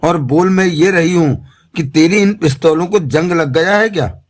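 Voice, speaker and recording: A man's voice: fairly high pitch, normal speed, close to an everyday voice. A man voicing a stern older woman addressed as Amma, who speaks firmly and gives orders, in an audiobook. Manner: firm, commanding.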